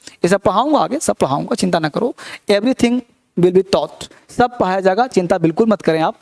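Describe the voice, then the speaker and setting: A man's voice: high-pitched, expressive, normal speed, gravelly, darkish tone. A man teaching English grammar in a live online class, reassuring his students, repeating his points and quizzing them.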